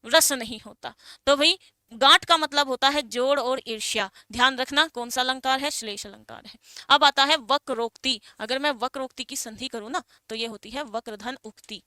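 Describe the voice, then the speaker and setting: Woman, teacher, exam-prep lecture; high pitched, dry close sound, asks and answers her own questions. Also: moderate pace, pushed and bright, no echo. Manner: explains with rhetorical questions, calls students beta and bhai. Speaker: Hindi teacher.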